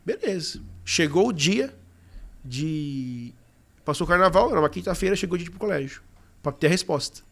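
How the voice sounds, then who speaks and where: Fast-talking young Brazilian man telling a story. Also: on the high side, vocal fry. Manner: animated, quick storyteller with many fillers. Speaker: podcast guest. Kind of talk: casual storytelling interview.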